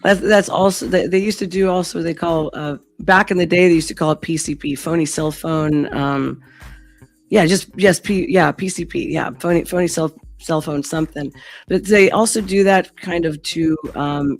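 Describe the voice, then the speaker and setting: A woman with a hoarse, gravelly voice, losing it to laryngitis, hosting a casual live stream in a blunt, sweary manner. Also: sits low.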